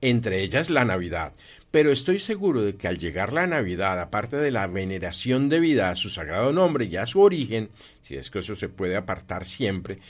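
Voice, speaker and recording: A man voicing a cheerful, warm-hearted young nephew in an audiobook, talking earnestly and pleadingly. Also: lowish voice. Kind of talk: audiobook reading.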